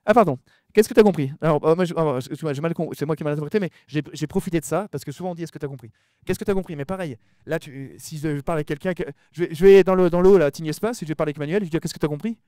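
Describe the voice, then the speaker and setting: A man speaks at a conference with a darkish, mellow voice that sits a little high. He rushes his words and swallows them, restarting and repeating as he goes. The sound is dry and close. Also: no room sound. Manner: talks fast and mumbles his words. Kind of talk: lively conference talk addressing the audience.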